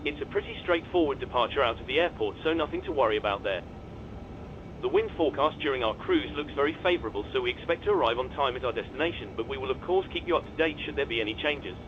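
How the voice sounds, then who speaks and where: A man voicing a calm airline captain making a scripted welcome announcement to passengers over the cabin intercom, reassuring and evenly delivered. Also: mid-range voice, fast talker, highs cut off, noisy background.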